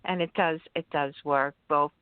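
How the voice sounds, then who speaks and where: A woman's voice: low voice, fairly even intonation, moderate pace, smooth, no echo. A woman from New York calling into a radio show over a phone line, chatty and thankful. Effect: phone-line call into a radio show. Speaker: caller. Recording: dry tinny phone line.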